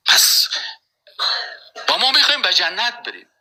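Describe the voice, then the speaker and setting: A man giving a religious lecture as a preacher, slowly reciting verses and then rising into emphatic, insistent points. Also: very high voice, expressive, bright, forceful tone, poor audio.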